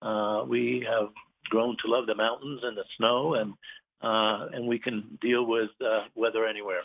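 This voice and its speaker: A middle-aged Puerto Rican business owner, appearing as an interview guest, talks casually in a low, creaky voice with flat delivery. He's hesitant, pausing and filling often as he hunts for words, and the audio sounds thin and tinny, like a phone call.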